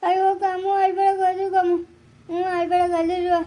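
A woman's voice: very high-pitched, completely flat delivery, fast. A woman playing a furious village wife. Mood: angry. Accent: rural Karnataka Kannada. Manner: loud berating, wailing curses. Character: furious scolding village wife, sharp-tongued. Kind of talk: amateur village family skit.

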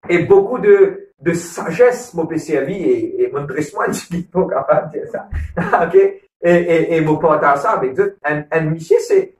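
A man's voice: high-pitched, distant mic. A man with a Mauritian Creole accent, talking earnestly about marriage at a church gathering, repeating his points and often checking in with "ok?". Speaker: married churchgoer speaking on a couples program. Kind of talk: casual church talk on marriage. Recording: roomy echo, voice from away from the mic.

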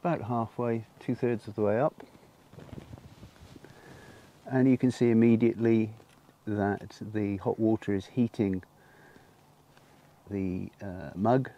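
Outdoors in a garden, a solar cooking presenter walks through an unscripted demo at a patient pace, filling gaps with frequent ums. He's an older man on a lapel mic, his voice fairly low and mellow.

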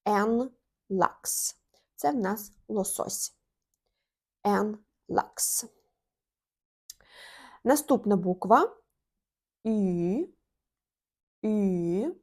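A woman's voice: mid-range voice, expressive, a little mellow. A young woman teaching an online language lesson, repeating each letter and word and drawing out the sounds. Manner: slow, drawn-out demonstration of sounds.

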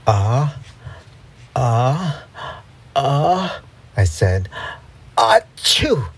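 Slow, lively woman reading a storybook. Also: extremely low pitch, husky. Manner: slow, lively read-aloud with voiced characters. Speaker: storybook reader. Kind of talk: reading a children's book aloud.

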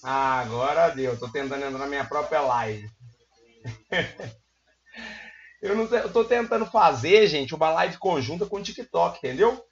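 A hoarse man hosting a live stream, chatting casually, greeting viewers over and over and muttering while he fiddles with settings. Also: on the high side, expressive, unhurried, long pauses. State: hoarse, losing his voice. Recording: lo-fi stream audio.

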